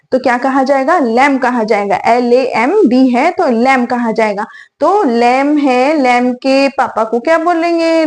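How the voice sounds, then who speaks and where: A woman's voice: a little high, darkish tone. A woman teaching a lesson for young children, asking a question and answering it herself, again and again. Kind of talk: tutorial for young learners.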